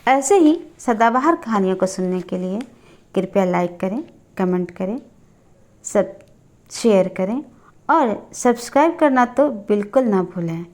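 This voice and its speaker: A woman host narrating a literary short story in a measured, expressive reading. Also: mid-range voice.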